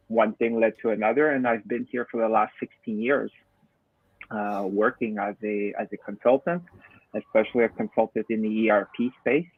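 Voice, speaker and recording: A man, an ERP consultant introducing himself on a panel over a video call in a steady, conversational way. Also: on the low side, no echo. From Canada. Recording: tinny dry phone-like call audio.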